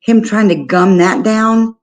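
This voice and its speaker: A woman's voice: mid-range voice, slow pace, poor audio. A middle-aged woman co-hosting a livestream, blunt and scornful, swearing freely in casual chat. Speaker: livestream co-host.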